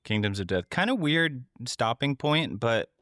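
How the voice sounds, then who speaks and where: A man's voice: very animated, unhurried, fairly bright tone, no room sound, studio quality. A man co-hosting a book podcast in casual, playful chat. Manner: playful, does goofy high voices while joking. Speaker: podcast co-host.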